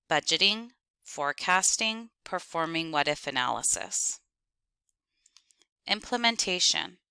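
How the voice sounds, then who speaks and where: A woman lecturing on accounting, reading out terms, definitions and lists in clipped, deliberate steps. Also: lowish voice, bright, forceful tone, clear, resonant tone, no room sound. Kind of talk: reading lecture slides aloud.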